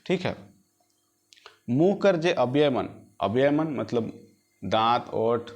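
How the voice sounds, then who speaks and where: A male teacher gives a grammar lesson for exam prep in a voice of ordinary, middle pitch. He goes over each phrase more than once and draws out single letters slowly so they can be heard. Every few points he stops to ask whether it is clear. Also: lively intonation. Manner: repeats phrases, sounds out letters slowly, checks if students follow.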